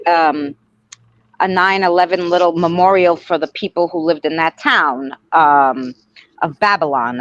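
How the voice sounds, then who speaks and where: A woman's voice: fairly low pitch, no room sound. A woman with a Queens, New York accent chatting casually as a guest, rambling through retold stories and quoted conversations. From Queens, New York City. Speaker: guest, paranormal spirit communicator. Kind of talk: casual chat. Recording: dull lo-fi close audio.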